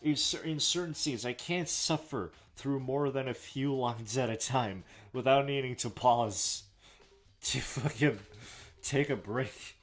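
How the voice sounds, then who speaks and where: A man's voice: medium pitch, unhurried, soft background music. A man casually rambling and joking while commentating his own game playthrough, often trailing off. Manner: casual, self-deprecating, trailing off, swears. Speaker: let's play host.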